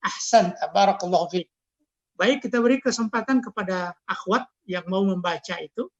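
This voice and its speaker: A man's voice: high-pitched, moderate pace, no echo. A man with an Indonesian accent teaching an Arabic class online, patiently coaxing students to read aloud. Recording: dull lo-fi online call audio.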